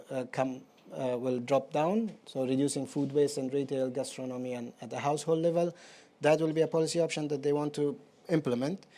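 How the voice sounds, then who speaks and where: Guy giving a talk, kinda high but mellow voice, explaining a site step by step. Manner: explanatory, walks through a website step by step. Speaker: presenter. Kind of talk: presentation.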